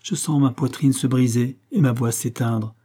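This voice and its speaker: A man reading the lines of a dying mother, weak, tender and resigned, speaking her slow faltering farewell. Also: mid-range voice, fairly even intonation, dark tone, close to an everyday voice.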